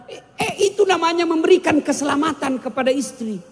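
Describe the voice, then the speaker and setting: In a large hall, a man with an extremely high-pitched voice and lively intonation preaches a humorous sermon at a fairly quick clip. He jokes and banters with the audience and breaks into snatches of songs.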